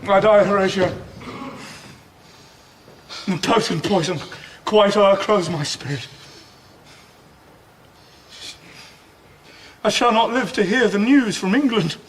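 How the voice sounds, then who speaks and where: An actor playing a poisoned, dying young prince in a classical Shakespearean drama, speaking in a halting, weakening deathbed manner. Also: male voice, sits high, a little hiss or hum. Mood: dying, fading. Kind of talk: classical Shakespearean stage acting.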